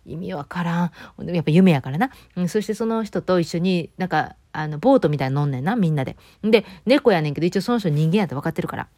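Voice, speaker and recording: A middle-aged woman with a Kansai Japanese accent chatting alone at home, telling a rambling story full of fillers. She speaks fast in a slightly low voice, and the recording is close and dry with no room sound. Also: lively intonation, warm tone, dry recording. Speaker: vlogger. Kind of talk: casual solo chat.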